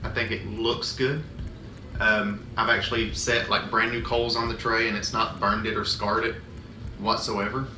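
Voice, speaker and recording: Low-voiced man, distant from the mic. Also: flat delivery, normal speed. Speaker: co-reviewer. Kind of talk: casual product review chat. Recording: distant mic, roomy echo, music behind. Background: music.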